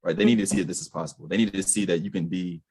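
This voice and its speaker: A young adult man hosting an interview, talking casually with slang and animated emphasis. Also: low-pitched, racing, breathy edge. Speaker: podcast host.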